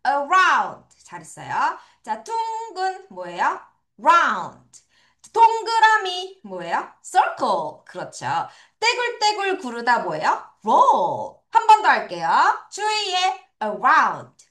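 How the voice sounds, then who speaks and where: A woman's voice: high voice, huge pitch swings, takes it slowly, a bit bright. A woman teaching English vocabulary to children, drilling pronunciation with playful sound words. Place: academy classroom or studio. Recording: echoey room.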